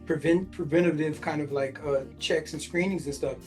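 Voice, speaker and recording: A man's voice: fairly high pitch, steady tone, moderate pace, a little mellow, soft background music. A man in his forties hosting a podcast, reading a news article aloud and stopping often to react in casual asides full of fillers. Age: 40s. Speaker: podcast host.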